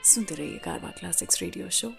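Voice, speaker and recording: Hosting a radio show in an Indian accent, a woman tells stories in a scripted but chatty way, posing questions to her audience and slipping in English phrases. Her voice is lowish, gravelly and fairly quick, with faint music underneath.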